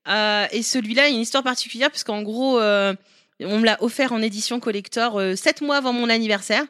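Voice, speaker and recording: Woman, higher voice, teasing and playful, casual gaming chat, dry close mic. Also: a bit bright, dry recording. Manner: playful, teasing, laughs often. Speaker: podcast co-host presenting a game.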